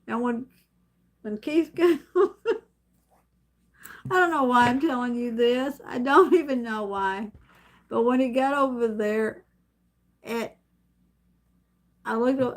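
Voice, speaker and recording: A middle-aged woman telling a story on her own live stream at home, rambling and chatty, laughing often and restarting her sentences. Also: on the high side. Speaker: vlogger hosting a live stream. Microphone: camera set up in front of her.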